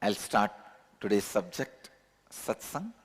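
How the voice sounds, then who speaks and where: A man with a thick Tamil Indian accent, a native Tamil speaker, giving a religious discourse as a spiritual teacher, emphatically repeating key words with pauses. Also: on the low side, big pitch swings, husky. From Tamil Nadu, India. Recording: long hall reverb.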